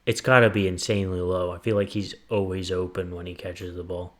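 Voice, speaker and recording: A man co-hosting a casual sports podcast, relaxed and agreeable, reeling off player stats. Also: deep voice, a little fast. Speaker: podcast co-host.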